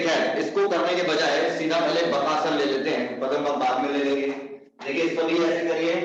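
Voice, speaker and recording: A man's voice: on the high side, a bit bright. A man teaching a live online yoga class, coaching students through poses and praising them by name. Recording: distant, echoey, dull room sound.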